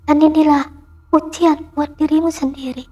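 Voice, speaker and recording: A man voicing a mysterious, calm woman who guides travellers through a spirit world, speaking in a solemn, measured way. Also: extremely high pitch, highs cut off, voice pushed up.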